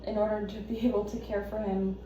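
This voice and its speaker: In a role-play counselling session, a woman plays an anxious, devoted wife caring for her husband, speaking haltingly and apologetically as though justifying herself. Her mid-range voice is dark-toned with little pitch movement, and the acting is light. She sounds far from the mic in a strongly echoing room with noticeable background noise.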